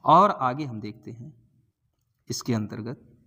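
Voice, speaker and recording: A man teaches a grammar lesson at an unhurried, slow pace, spelling out each example and then restating it. His voice sits in a middle pitch range. He talks to his students in a patient, methodical way. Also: lively intonation, pushed and bright. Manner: slow, deliberate, repeats and translates each word.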